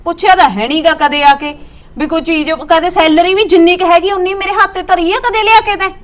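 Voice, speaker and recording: An actress playing a resentful, sharp-tongued young wife who nags and mutters bitterly, with a Malwa Punjabi accent, in a Punjabi short drama. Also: female voice, very high-pitched, fairly even intonation, brisk. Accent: Punjabi, Malwa region. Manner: nagging, bitter complaints, scornful asides muttered to herself.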